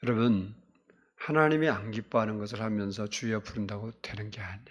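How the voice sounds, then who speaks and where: A man's voice: lowish voice, steady tone, brisk, husky. Emphatic male pastor preaching. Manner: emphatic, swinging between loud exclamations and soft asides. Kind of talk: sermon.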